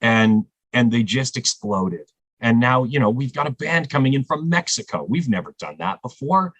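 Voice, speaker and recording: A man who programs a music festival, chatting on a podcast and telling excited stories with animated quoted dialogue. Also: medium pitch, normal speed, dry recording. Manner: excited storyteller, lively acted-out quotes. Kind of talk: casual podcast conversation.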